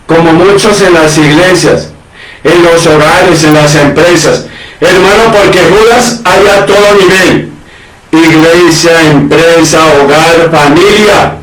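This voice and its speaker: A man's voice: a little high, takes it slowly, recorded from a distance, a loud crowd. Impassioned male pastor in an echoey room. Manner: impassioned preaching, repeatedly addressing "hermano, hermana". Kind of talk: sermon.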